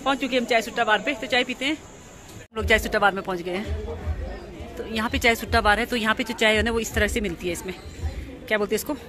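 A woman chats to her viewers while walking through a busy outdoor market, repeating and correcting herself as she goes. She holds her phone in her hand. The crowd is loud behind her. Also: fairly high pitch, fast talker, long pauses. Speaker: vlogger. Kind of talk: walking market tour vlog. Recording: crowd noise from a busy street. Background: crowd chatter.

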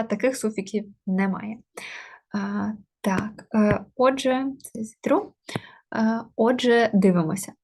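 Woman teacher explaining word structure. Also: on the high side. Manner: explains step by step, many "e" fillers, corrects herself. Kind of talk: online grammar lesson, working through test answers.

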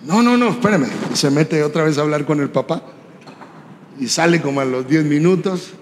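A man preaching a sermon, telling a personal story in a conversational way and often tagging his lines with a quick question. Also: fairly high pitch, steady tone, a little mellow. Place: church hall. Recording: reverberant church hall, faint background noise.

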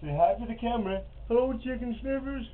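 A man's voice: very high-pitched, fairly quick. A man filming friends outdoors, chatting cheerily and encouraging them, heard through old camcorder audio. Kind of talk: casual home video chat. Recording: tinny lo-fi camcorder audio with faint hiss.

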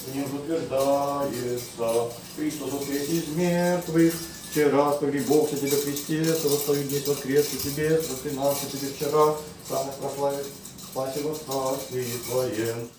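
A middle-aged man, an Orthodox hieromonk, chanting slow liturgical prayers in a small room of a house. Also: on the high side, noisy background. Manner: slow sung chanting in Church Slavonic. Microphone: far camera. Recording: echoey room, voice from far off.

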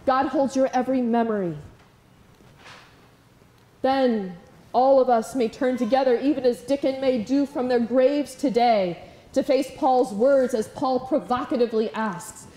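Woman pastor, high mellow voice, measured rhythmic funeral sermon, roomy church echo. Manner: measured, rhythmic preaching with repeated calls. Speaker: preacher at a funeral. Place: large church. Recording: echoey church room.

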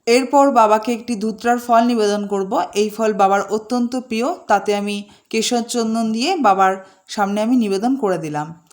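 A woman calmly guiding a home worship ritual step by step, slowing to chant short Sanskrit-style mantras between her instructions. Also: on the high side. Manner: calm, measured, slows down to chant mantras. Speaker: puja instructor.

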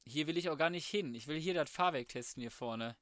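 Muttering to himself as he plays, a young let's player thinks aloud in colloquial, slang-filled commentary. His slightly high, somewhat bright voice moves briskly, and the recording is dry with clean studio sound.

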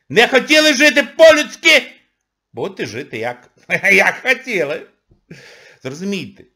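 A man's voice: a little high, breathy edge. A man, an economist, giving a sarcastic, scolding video monologue full of exclamations.

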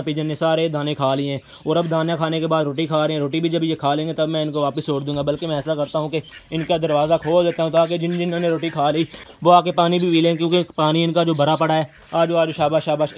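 A man, narrating a casual pet vlog outdoors and coaxing his birds with quick repeated calls. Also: a little high, darkish tone, a little hiss or hum. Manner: fast, chatty, coaxing animals with repeated calls. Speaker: pet vlogger. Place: outdoor yard with bird cages, aircraft passing overhead.

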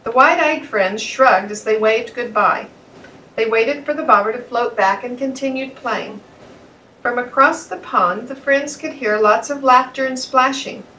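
A woman reading a children's storybook aloud in a plain, steady way. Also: on the high side, measured pace, distant mic, a little hiss or hum, poor audio. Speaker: narrator.

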